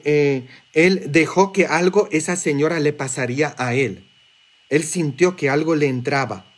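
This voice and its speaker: With a fairly high voice and a Mexican Spanish accent, a priest gives a sermon in a lighthearted, chatty manner, full of quick asides.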